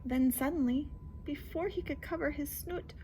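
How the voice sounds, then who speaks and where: A woman reading a picture book aloud to children in a sing-song, dramatic way, often dropping to a hushed near-whisper. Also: moderate pace. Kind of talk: expressive children's story read-aloud. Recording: clear background noise, vehicle-like rumble.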